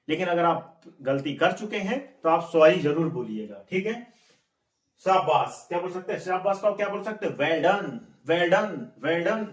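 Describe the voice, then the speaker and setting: A man with a high voice teaches a spoken English lesson, repeating each word and quizzing his listeners again and again. He sounds set back from the microphone in an echoey room. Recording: echoey room, mic at a distance.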